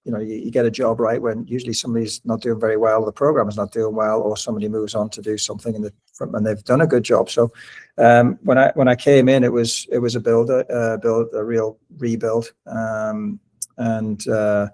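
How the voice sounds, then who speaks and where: Middle-aged man, mild northeast English accent, flat even delivery, rambling guest on a podcast interview. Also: mid-range voice. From northeast England. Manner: rambling, many restarts and fillers. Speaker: college soccer coach, guest. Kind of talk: casual interview conversation.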